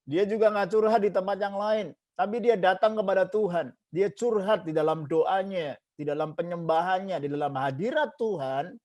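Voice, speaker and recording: A high-pitched, darkish-toned male pastor delivers a sermon at a moderate pace with hardly any pauses. He preaches emphatically, repeating parallel phrases, blending English phrases into Indonesian, and saying "saudaraku" again and again.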